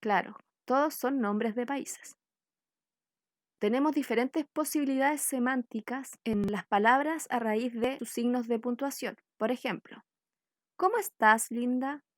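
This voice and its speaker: Woman, fairly high voice, teacher, slow careful delivery of example words, dry close sound. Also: no room sound. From Chile. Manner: slow, deliberate, spelling out examples. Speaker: workshop teacher. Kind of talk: scripted spelling lesson.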